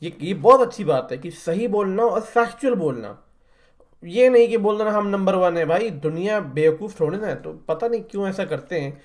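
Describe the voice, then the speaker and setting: A man's voice: sits high, animated, normal speed. A young man hosting a reaction video, talking in a chatty, rambling and blunt way. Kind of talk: casual reaction commentary.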